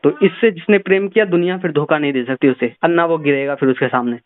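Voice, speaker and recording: A man's voice: fairly high pitch, fast talker. A man giving earnest, preachy motivational advice on a phone call, repeating words for emphasis. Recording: tinny phone line.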